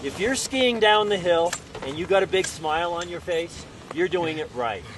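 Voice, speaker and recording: A man's voice: high-pitched, animated, moderate pace. A man teaching a ski lesson to a group, projecting his voice in short, emphatic instructions with a folksy, joking manner. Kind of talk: outdoor group ski lesson with jokey coaching. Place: outdoors on a ski slope. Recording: outdoor ambient noise, shifting distance.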